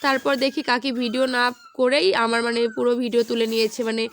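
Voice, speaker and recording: A woman vlogger with a hoarse, feverish voice, narrating a voice-over while lying down and talking chattily to her viewers. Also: on the high side, steady tone, fast talker, a bit bright, slight background noise. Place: indoors at home, lying in bed.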